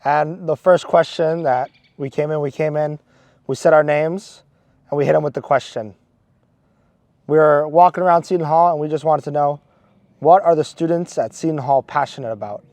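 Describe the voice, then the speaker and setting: A man's voice: on the high side, moderate pace, no echo. Earnest young man in a dry room. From Maryland. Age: 20s. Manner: earnest, animated, with many restarts. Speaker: seminarian. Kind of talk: casual storytelling.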